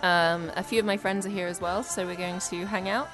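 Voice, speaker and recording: A woman's voice: fairly low pitch, steady tone, a little fast, over music. A young woman from the UK chatting casually with a friend, laughing often and swearing now and then. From United Kingdom. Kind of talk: casual chat.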